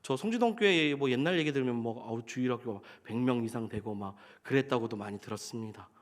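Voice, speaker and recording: A man's voice: mid-range voice, fast talker. A male pastor preaching a sermon, often asking the congregation questions and acting out what people might have said. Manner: asks the congregation questions, acts out quoted speech.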